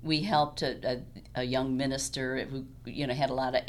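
A woman's voice: very deep voice, flat delivery, moderate pace. A woman in her sixties, a podcast guest, telling stories in reflective, casual conversation.

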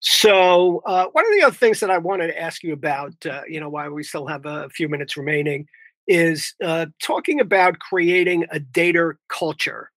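A male podcast host with a New York accent who asks questions in a relaxed way full of fillers. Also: fairly high pitch, normal speed, no room sound. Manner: conversational, many fillers. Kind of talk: podcast interview.

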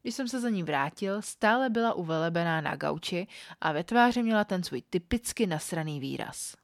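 A woman reading an erotic story aloud in a calm, even first-person storytelling manner. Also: lowish voice, no room sound, clean studio sound. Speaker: podcast storyteller.

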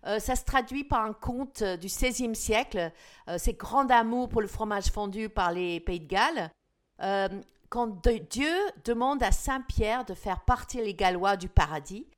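A woman hosting a casual cooking chat, explaining a dish in a chatty way with frequent fillers. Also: medium pitch. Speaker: host.

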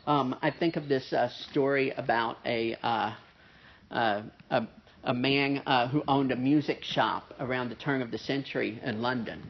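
This pastor's sermon, given at a church service with a pianist present, comes through a dull, muffled recording. His nasal, gravelly voice is mid-range with fairly even intonation and normal speed, and he preaches conversationally, full of "uh" fillers and "right?" asides.

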